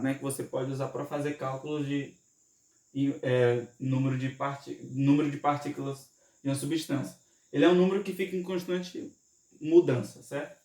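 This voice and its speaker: A man's voice: a little high, darkish tone. A man teaching a casual science lesson, talking informally and often checking in with the listener. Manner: informal, frequent "né?" tag questions and restarts. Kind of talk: explanatory lesson. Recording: echoey room, voice from far off mic.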